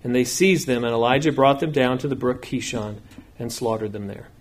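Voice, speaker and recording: A pastor reads scripture aloud in church with slow, emphatic phrasing, then turns to address the congregation. His voice is medium in pitch with a steady tone.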